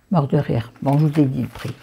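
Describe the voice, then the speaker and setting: A woman's voice: sits low, creaky, mellow, breathy edge. A French-accented woman chatting through a makeup haul, dropping into whispered asides and scolding herself by name. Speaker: beauty vlogger.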